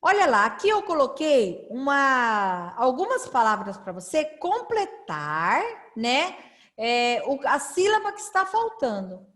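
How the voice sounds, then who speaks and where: A woman tutor with a Brazilian Portuguese accent, drilling syllables slowly in a sing-song, cheerful, coaxing way for a children's lesson. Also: high voice, very animated, a bit bright. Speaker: literacy tutor. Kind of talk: children's phonics lesson over slides.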